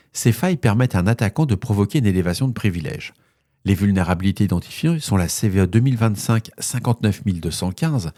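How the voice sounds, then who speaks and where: A man's voice: fairly low pitch, warm tone, dry recording, studio quality. A man hosting a cybersecurity news podcast, reading bulletins and then slipping into casual off-script asides with fillers.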